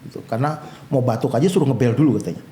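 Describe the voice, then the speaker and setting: A man's voice: mid-range voice, rapid-fire, slight background noise. A male pastor, telling his own life story in an interview and acting out the voices of people he quotes. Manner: animated storyteller who acts out quoted voices.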